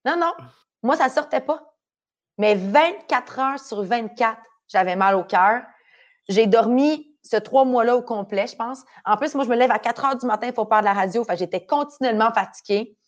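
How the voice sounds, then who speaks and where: A woman's voice: fairly high pitch, fairly quick. A woman with a Québécois French accent, pregnant and speaking candidly in a casual podcast chat. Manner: candid, animated storytelling. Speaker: radio host.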